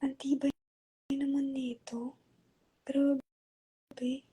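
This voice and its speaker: A woman's voice: high voice, level tone, drawn-out words, dark tone. A woman chatting casually with her viewers during a livestream, playful and teasing, sometimes cooing baby talk to her pet. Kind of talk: casual live-stream chat.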